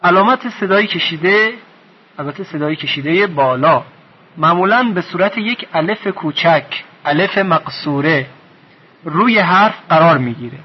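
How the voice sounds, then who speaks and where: Male teacher, raised pitch, deliberate pacing, stretches sounds to demonstrate; lo-fi tape quality. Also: lively intonation, breathy edge. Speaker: Quran reading teacher. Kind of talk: recorded lesson. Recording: dull lo-fi recording.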